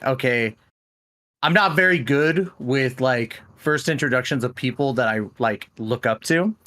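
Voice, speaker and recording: A man hosting a podcast, telling a long story in a rambling, animated way and swearing freely. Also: medium pitch. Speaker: podcast host. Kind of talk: casual storytelling chat.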